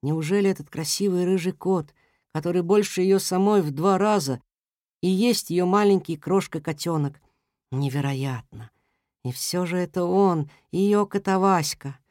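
A narrator reading a children's story aloud in an even, gentle manner. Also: medium pitch, normal speed, no echo, studio quality.

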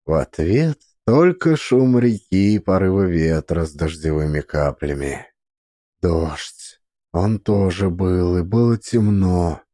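A man narrating a story with an expressive, dramatic reading. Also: low voice, slow pace, dry recording, studio quality.

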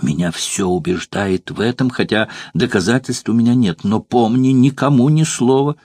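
A man's voice: medium pitch, normal speed, darkish tone, no room sound, natural voice. A man playing a guarded old male actor. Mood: confiding. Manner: guarded, confiding. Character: old dissolute male actor, secretive and cautious. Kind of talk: audiobook character voicing.

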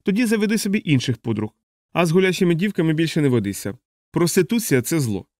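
A man's voice: a little high, big pitch swings, fast, a little mellow, no room sound, studio quality, voice pushed up. A man doing a lovestruck, bossy young man. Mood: stern. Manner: insistent, exasperated, stern.

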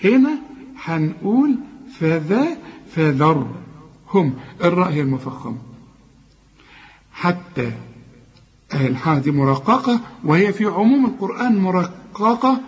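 A man's voice: sits high, very animated, highs cut off. Egyptian man teaching Quran recitation. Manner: explains rules, then slowly drawls out sounds. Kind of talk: tajweed lesson with recited verses.

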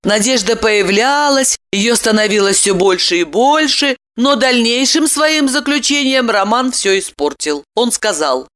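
A woman reading an audiobook aloud with expressive storytelling. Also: fairly high pitch, measured pace, few pauses. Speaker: narrator. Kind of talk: audiobook narration.

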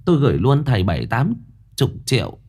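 A woman's voice: rumbling low, very animated, fairly quick, darkish tone, slightly rough, heavily acted. A man voicing an anxious, fawning middle-aged mother who pleads deferentially.

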